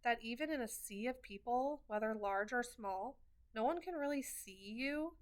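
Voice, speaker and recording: Higher-voiced woman reading a novel aloud. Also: animated, moderate pace. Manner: earnest, wry asides with small restarts. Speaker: reader of a novel. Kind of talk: first-person storybook reading.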